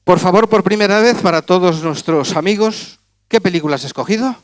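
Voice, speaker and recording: A man's voice: sits high, brisk, no room sound. A man doing comic stage patter as a magician, teasing and chatting with volunteers in front of a gala audience. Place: auditorium stage.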